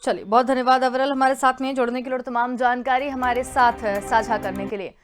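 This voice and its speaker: A woman's voice: a little high, fairly even intonation, fairly quick, music in the background. A woman news anchor asking a correspondent questions and reading bulletin items. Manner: reads bulletin items smoothly.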